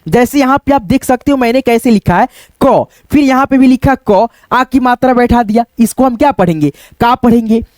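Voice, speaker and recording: A man's voice: extremely high pitch, fairly quick, hardly any pauses, a little mellow, no echo. A man teaching beginners at a board, patiently repeating and counting aloud.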